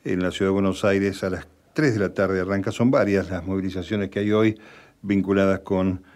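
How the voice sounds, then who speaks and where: Deep, dark-voiced Argentine radio host. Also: male voice. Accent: Argentine Spanish. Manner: relaxed, measured, with filler "este". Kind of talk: radio interview.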